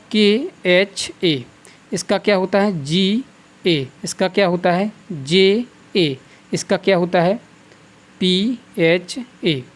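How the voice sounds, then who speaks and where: A male teacher giving a Hindi grammar lesson with a North Indian accent. He asks the class questions, answers them himself and repeats each sound slowly for drill. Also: high voice. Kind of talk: classroom lecture.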